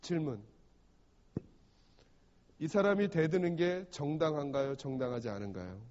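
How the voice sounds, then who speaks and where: A male pastor preaches a story-driven sermon, stopping often to ask his listeners rhetorical questions. His voice is fairly high. The recording sounds dull and has a long church-hall reverb. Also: moderate pace, a little mellow.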